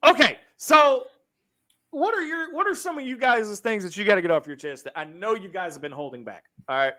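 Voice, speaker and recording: A man hosting a casual online podcast, talking loosely and cursing freely as he steers the conversation. His voice is bright and his pitch swings widely. It sounds like an online call mic. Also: lively intonation, a little fast. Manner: loose, profane, runs the show. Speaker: podcast host. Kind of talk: casual chat.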